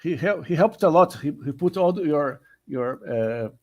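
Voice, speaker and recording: A man with a Brazilian accent moderating an online seminar over a video call, talking in a halting way with many restarts. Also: fairly high pitch, expressive, lo-fi sound. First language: Portuguese. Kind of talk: online academic discussion.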